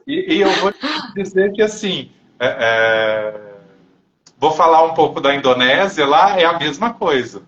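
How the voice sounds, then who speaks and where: A man co-hosting a casual live stream, talking reflectively and haltingly, with many pauses and restarts. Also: on the high side, animated, a bit bright, dull audio. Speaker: therapist and co-host.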